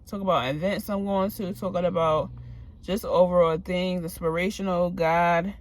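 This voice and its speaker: She's a medical assistant with a vlog, offering laid-back advice straight to camera while drifting between subjects, worn out and a touch breathless. Her voice sits on the low side, steady in tone, at a moderate pace.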